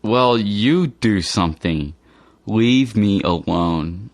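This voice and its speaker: A man's voice: lowish voice, animated, slow, no room sound. A man reading everyday dialogues aloud for English learners with a plain, careful delivery. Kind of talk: slow scripted dialogue reading.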